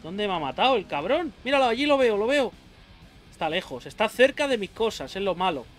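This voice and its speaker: A man's voice: high-pitched, sing-song, fairly quick. A man from giving frantic gameplay commentary, swearing, yelping and talking to himself during a boss fight. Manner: frantic, swearing, yelps and self-talk while fighting a boss. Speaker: gaming youtuber. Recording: faint game music behind.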